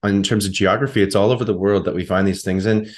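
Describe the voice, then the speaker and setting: A man co-hosting a podcast in casual chat, easygoing and halting, with many fillers. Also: lowish voice, fairly even intonation. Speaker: podcast co-host.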